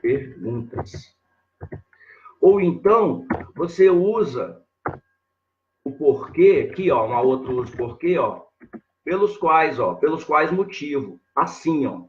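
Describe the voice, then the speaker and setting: A man teaching grammar in a live online lesson, talking slowly and repeating himself as he points things out on a board. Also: on the high side, sing-song, muffled recording. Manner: slow and repetitive, constantly saying "ó" and "olha lá" while writing on a board.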